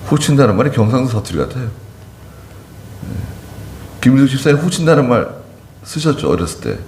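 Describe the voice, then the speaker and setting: A male pastor giving an expository sermon, reading scripture and then explaining it slowly, asking the congregation questions. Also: mid-range voice, sing-song, darkish tone, a little hiss or hum. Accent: Gyeongsang-Chungcheong border dialect roots. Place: church sanctuary. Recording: roomy church echo.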